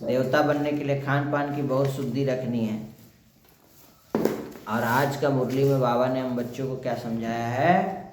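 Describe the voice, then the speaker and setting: A man's voice: mid-range voice, steady tone, unhurried. A man explaining a daily spiritual lesson as a teacher, asking questions and answering them himself. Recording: very echoey room, faint noise.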